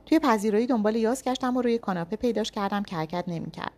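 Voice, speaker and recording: A woman's voice: fairly high pitch, a little mellow. A woman reading a first-person thriller story aloud with tense, dramatic storytelling. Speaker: narrator.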